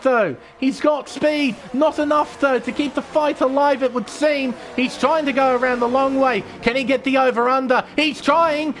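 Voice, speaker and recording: A man commentating live on a motorsport race as an excitable play-by-play commentator. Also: very high voice, slight background noise. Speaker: motorsport commentator for online sim racing.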